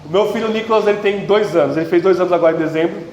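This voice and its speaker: A high-voiced Brazilian man preaches in an earnest, direct way, building to emphatic peaks. The sound rings with a long hall reverb, and faint room ambience sits underneath. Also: rapid-fire, a little mellow, muffled recording, a little hiss or hum. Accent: Brazilian Portuguese. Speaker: pastor. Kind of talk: sermon. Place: church hall.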